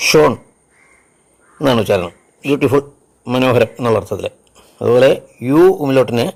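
A man's voice: mid-range voice, a little mellow. A man with a Malayali accent teaching a language lesson, spelling out words letter by letter. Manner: spells out letters one by one, switching between Malayalam and English. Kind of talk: slow spoken lesson.

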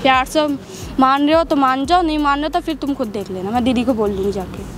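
A woman's voice: high voice, fast, noisy background. A young woman in a staged social drama, arguing insistently and repeating herself in an outdoor park. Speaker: sister-in-law in a staged park confrontation.

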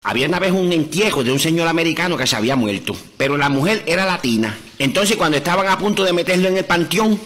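Puerto rican comedian telling jokes, high bright voice, acts out the characters. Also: male voice, animated, fast, few pauses. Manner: storytelling, switching voices for characters.

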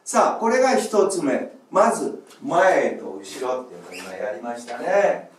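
A male music teacher giving a video lesson on breathing exercises, calling out short, loud counts as he demonstrates. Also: medium pitch, sing-song, unhurried, a little hiss or hum. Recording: roomy echo, distant mic.

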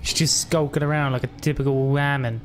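A man's voice: mid-range voice, steady tone, brisk, a little hiss or hum. A young man giving cheeky, jokey commentary as a scared horror game streamer, wisecracking through his nerves.

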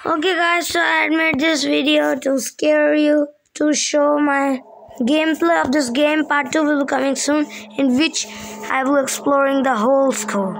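A woman's voice: high voice, fairly even intonation, measured pace, vocal fry, a little hiss or hum, poor audio. A woman hosting casual horror game commentary, explaining things simply and repeating phrases. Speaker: gaming video host.

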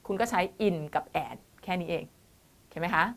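A woman's voice: lowish voice, lively intonation, moderate pace, vocal fry. Woman tutor giving an online lesson, patient, explains each step, calls students "child". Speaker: IELTS teacher.

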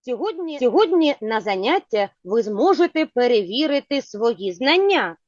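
A woman teaching a children's phonics lesson, asking patient, clearly spoken questions. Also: on the high side, big pitch swings, moderate pace, dry recording. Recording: dull lo-fi sound.

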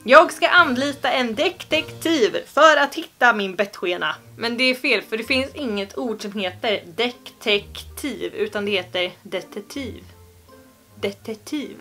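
A woman's voice: fairly high pitch, lively intonation, few pauses, bright, forceful tone, faint music behind. A young Swedish woman vlogging to camera in a playful, joking way, with exaggerated pronunciations. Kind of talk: casual vlog to camera.

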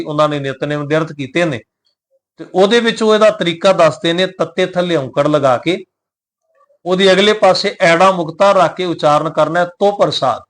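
A man with a fairly high voice teaches how to recite scripture. He chants each verse slowly and deliberately, then explains it in a calm, plain, respectful way. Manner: addresses listeners respectfully and humbly.

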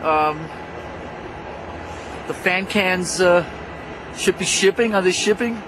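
A man's voice: high-pitched, takes it slowly. Joking man filming on a ski slope. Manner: loose, joking, lots of filler. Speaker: vlog host. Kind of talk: casual on-camera chat. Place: outdoors on a snowy ski slope. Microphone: handheld camera held close. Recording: outdoor wind and ambient noise.

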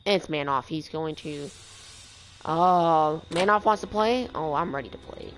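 A woman's voice: low-pitched, measured pace. A young woman giving casual, frustrated commentary over her gameplay, rambling and swearing. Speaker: gamer streamer. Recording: voice over game music.

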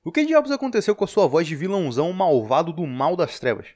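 High-pitched, lively Brazilian man. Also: fast, noisy background. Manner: sarcastic, exasperated. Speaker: video game critic and narrator. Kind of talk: scripted comedic commentary on a game.

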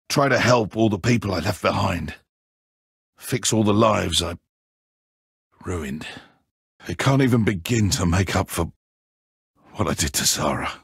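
A man playing a petulant, theatrical video game villain stripped of his godlike powers, with a raspy, strained, melodramatic delivery. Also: fairly low pitch, no echo, studio quality, exaggerated voice. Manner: melodramatic, drawn-out, emphatic. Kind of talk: dramatic animated game acting.

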